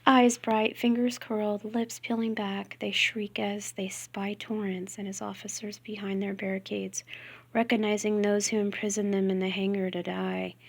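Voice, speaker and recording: Gravelly woman reading a novel. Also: medium pitch, flat delivery, normal speed. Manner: soft, half-whispered reading with giggles at slips. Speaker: reader.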